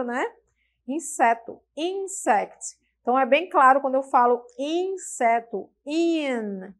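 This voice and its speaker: A woman with a Brazilian Portuguese accent giving a televised English lesson, slowly repeating example words and checking in with her students. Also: a little high. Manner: slow, patient, repeats example words aloud; checks in with tag questions. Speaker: English teacher.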